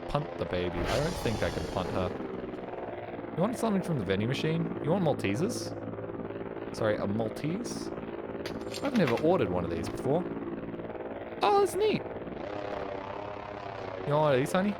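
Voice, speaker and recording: A man's voice: mid-range voice, big pitch swings, a little fast, pauses often. A young man streaming a game, joking, swearing and chatting with his viewers. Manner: joking, sardonic, swears a lot, chats to viewers. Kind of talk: casual live-stream commentary. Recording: noisy stream recording.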